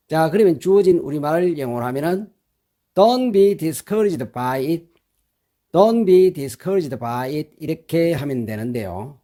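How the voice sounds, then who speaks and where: A male English teacher with as his walks through everyday phrases at a slow, unhurried pace. His pitch rises and falls a lot as he explains, and his tone is mellow and dark. He sets out each point patiently for learners. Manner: slow, deliberate drilling of phrases, repeating each several times; explanatory, instructive delivery.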